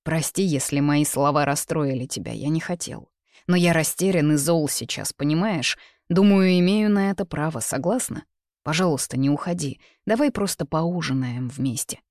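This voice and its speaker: A man's voice: fairly high pitch, moderate pace, darkish tone, no echo, clean studio sound, close to an everyday voice. A reader voicing a young man, a persistent and jealous suitor who pleads and turns bitter, in a read-aloud novel. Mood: pleading. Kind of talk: audiobook character reading.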